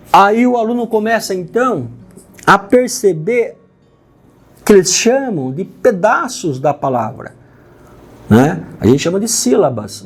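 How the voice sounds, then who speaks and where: A man with a Brazilian accent, hosting an educational program and explaining step by step, often checking in with his listeners. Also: a little high. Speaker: host, union president. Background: faint guitar music.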